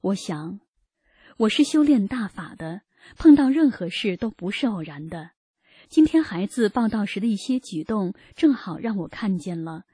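Earnest woman narrator with a warm, mellow tone, reading a personal testimony. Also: medium pitch, very animated, normal speed, breathy edge, dry recording, studio quality. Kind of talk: read first-person narration.

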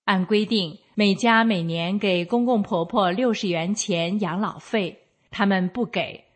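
A woman giving a scripted reading of a first-person account in a slow, even, measured way. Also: mid-range voice.

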